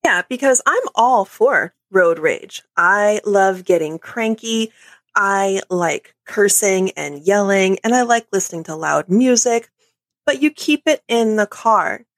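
A woman's voice: medium pitch, animated, takes it slowly, a bit bright, dry recording. A woman co-hosting a podcast in casual chat, wry and joking, piling up rhetorical questions.

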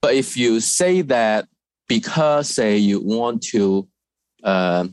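A man's voice: lowish voice, animated, slow pace, a little mellow, clean tone, dry recording. A man from China, a research fellow, answering interview questions thoughtfully with frequent fillers and restarts.

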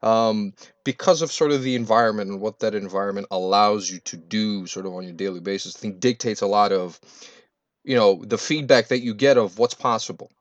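A man in his twenties talking in a measured, analytical way, often checking in with "right?". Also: fairly low pitch, no echo, muffled recording. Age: 20s. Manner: measured, analytical, says "right?" and "you know". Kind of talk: casual chat.

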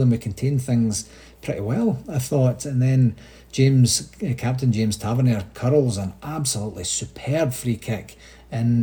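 Speaking in a dark, medium-pitched voice, the Scottish supporters' association host gives a loose, chatty podcast update on his own. He wanders from point to point and frequently starts over.

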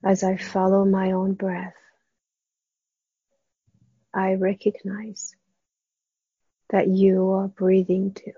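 A woman guiding a meditation in a soft, hushed, spa-like near-whisper, gently and with long pauses, her voice breathy and husky. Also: medium pitch, monotone, no echo. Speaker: meditation guide. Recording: dull, muffled, dry close recording.

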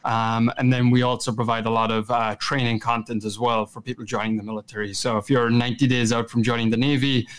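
Clear-voiced man with a west of Ireland accent. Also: medium pitch, level tone, quick pace, few pauses. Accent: west of Ireland, Kerry. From Kerry, Ireland. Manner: informal, conversational storytelling. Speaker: podcast guest, chief marketing officer. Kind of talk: casual interview answers.

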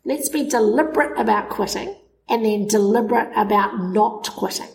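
A woman co-host chats casually in a slightly high, creaky voice. She comes through a laptop microphone with a tinny, hollow, tin-can sound and noticeable noise. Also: normal speed. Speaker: podcast co-host. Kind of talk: casual chat. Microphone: laptop microphone, mouth close to it.

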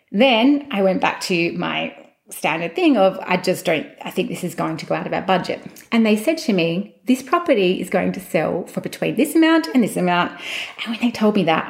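A woman casually telling a personal story, chatty and animated, acting out the dialogue she quotes. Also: lowish voice, moderate pace, gravelly.

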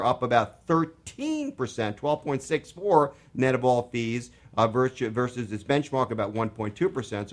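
A man hosting a radio talk show on investing, explaining portfolio figures with many fillers and restarts. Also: fairly low pitch.

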